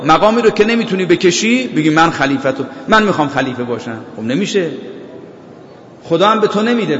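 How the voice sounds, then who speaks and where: A man preaching a sermon, reciting Arabic verses slowly and checking that his listeners follow. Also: sits high. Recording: echoey hall, dull lo-fi sound.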